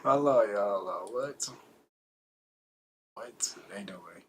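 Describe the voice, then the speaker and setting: A man's voice: on the low side, slow, fairly bright tone, a little hiss or hum. A man hosting a reaction video, talking to his viewers in a hyped, slangy way. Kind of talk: casual reaction commentary.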